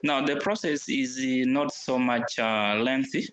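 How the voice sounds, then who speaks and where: A man's voice: mid-range voice, fairly even intonation, unhurried, a bit bright. A young man from Uganda, talking as a guest over a video call from a veranda, hesitant and often restarting. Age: young adult. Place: veranda outdoors.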